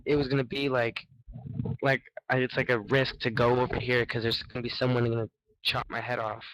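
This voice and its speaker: A man's voice: mid-range voice, little pitch movement, fairly quick, fairly bright tone, no echo, rough recording. A man bantering casually on a podcast in a blunt, cheeky way. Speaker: podcast co-host. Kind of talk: casual chat.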